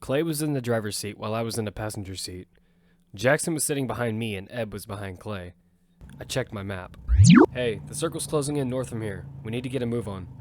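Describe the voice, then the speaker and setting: This lowish male voice is animated and brisk, lightly acted, with slight background noise alongside music. He narrates audio fiction in grim first person as a battle-hardened survivor leading his team, keeping the mood steady.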